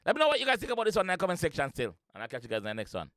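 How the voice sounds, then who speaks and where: A Jamaican man hosting a reaction video, laughing, swearing and chatting excitedly in a mix of patois and English. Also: sits high, racing, heavy background noise. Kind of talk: casual reaction commentary.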